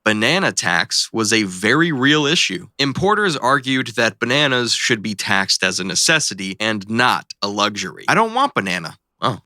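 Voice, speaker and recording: A man giving a scripted comedic explainer, deadpan and calling himself Monkey. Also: on the low side, normal speed, hardly any pauses, no echo, clean studio sound.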